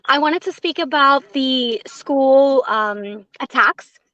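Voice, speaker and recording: Young woman caller, high-voiced and slow, on a bad phone connection that keeps breaking up; halting delivery. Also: bright, forceful tone, no room sound, dull audio. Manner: hesitant, halting with many ums.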